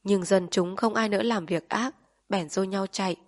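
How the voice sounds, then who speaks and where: A woman reading a novel aloud in solemn, measured dramatic narration. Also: mid-range voice, fairly even intonation. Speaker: audiobook narrator.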